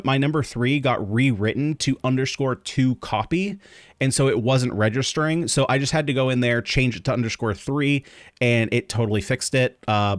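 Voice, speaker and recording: A man's voice: mid-range voice, no room sound, clean studio sound. A man hosting a gaming video, talking through gameplay in a loose, rambling way with many fillers. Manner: rambling, filler-heavy explaining. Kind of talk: casual gameplay commentary.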